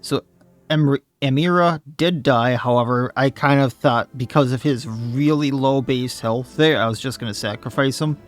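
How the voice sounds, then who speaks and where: A man's voice: medium pitch, moderate pace, soft background music. A man, slightly losing his voice, commenting casually on his own gameplay and thinking aloud as he plays. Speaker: let's play host.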